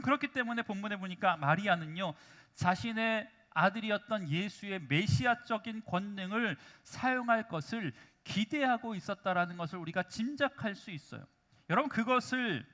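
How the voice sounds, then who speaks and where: A man's voice: high voice, bright, forceful tone. A male pastor preaching a sermon in a church, often calling out to the congregation and asking rhetorical questions. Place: church sanctuary.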